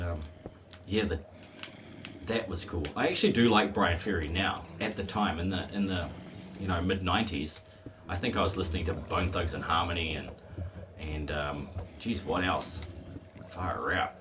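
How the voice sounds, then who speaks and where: Over background noise, a man in his forties chats loosely while streaming a game, laughing easily as he rambles. His deep voice remains a bit worn from a cold.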